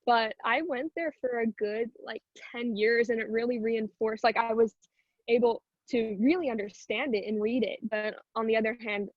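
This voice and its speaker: A young American woman in her late teens from Houston chats casually about herself in an interview, using frequent filler words like a student. She is a singer and narrator, and her fairly high voice keeps a fairly even intonation at normal speed. The recording sounds dull and roomy.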